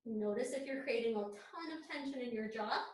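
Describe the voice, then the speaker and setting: A woman leading a yoga class with soothing, encouraging, unhurried cues, recorded in an echoey room. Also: on the high side. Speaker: fitness and yoga instructor. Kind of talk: guided workout class, spoken cues. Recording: very echoey room, distant microphone.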